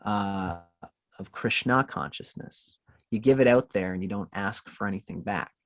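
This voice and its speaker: A man on a podcast, calmly telling a spiritual story in an unhurried, reflective way. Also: fairly low pitch, no echo. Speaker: podcast guest. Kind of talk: casual storytelling in conversation.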